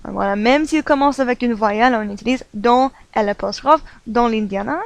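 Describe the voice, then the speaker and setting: A woman's voice: on the high side, normal speed, vocal fry. A woman gives a French grammar lesson in a slightly raised voice, patiently repeating each example. The recording is dry, with no room echo. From United States. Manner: patient, repeats examples, fills with "voilà" and "euh". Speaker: French teacher.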